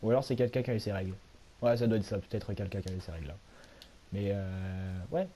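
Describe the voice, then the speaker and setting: A hoarse young man, a little sick, giving rambling, self-mocking commentary while he plays a video game at home. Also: on the low side, fairly even intonation, fast talker, dark tone, a little hiss or hum. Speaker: gaming YouTuber. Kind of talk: casual let's-play commentary.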